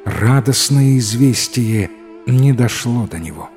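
A man narrating a fairy tale in an expressive, dramatic storytelling manner. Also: medium pitch, slow. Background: faint music.

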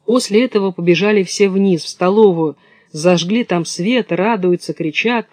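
A man narrating a children's storybook in a lively storytelling manner. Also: high-pitched, normal speed, dry recording. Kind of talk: storybook reading.

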